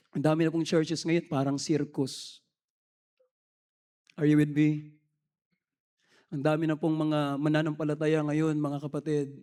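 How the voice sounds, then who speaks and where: A man's voice: fairly high pitch, a little mellow. A man preaching a sermon in a storytelling way, respectful and mixing in English phrases. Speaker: lay preacher.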